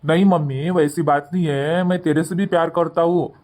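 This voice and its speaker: A man's voice: fairly high pitch, fairly even intonation, normal speed, darkish tone, lightly acted. A man voicing a harried young husband in a cartoon, pleading and placating between his wife and mother. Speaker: son and husband.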